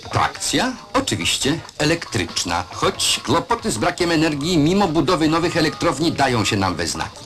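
Guy doing old newsreel narration, proud, swoopy lively delivery, music under it. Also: on the high side, normal speed. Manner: proud, declamatory delivery with rhetorical questions. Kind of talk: 1970s state newsreel voice-over narration.

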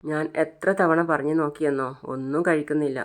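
A narrator reading a worried housemaid's plea in a flat, even voice. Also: mid-range voice, fairly quick, close to an everyday voice. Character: anxious housemaid reporting to her boss.

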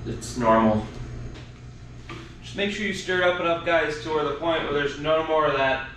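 A man's voice: fairly high pitch, moderate pace, a bit bright, slight background noise. Chatty young man showing a repair job. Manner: chatty, addresses viewers as guys. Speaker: DIY video host. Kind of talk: casual how-to narration. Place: outdoors by a truck, then inside a metal walk-in cooler. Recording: roomy sound with music behind.

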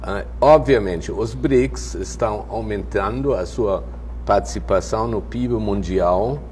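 Panel professor, male, 60s, native German with German accent, lowish pitch, blunt and emphatic. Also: measured pace, darkish tone, a little hiss or hum. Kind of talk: opinionated panel discussion. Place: TV studio panel desk. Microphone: lapel.

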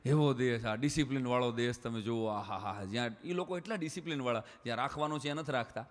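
A man's voice: mid-range voice, fast talker. A man doing comic storytelling on stage, chatting straight to the audience and mimicking voices. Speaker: stage comedian at a folk show. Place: stage before a live audience. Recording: reverberant hall sound.

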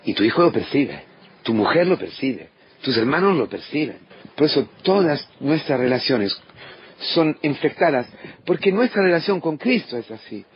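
A man preaching an impassioned sermon as a priest, swinging from loud declarations to hushed asides. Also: mid-range voice, big pitch swings, moderate pace, slightly rough. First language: Italian. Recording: dull lo-fi recording with faint noise.

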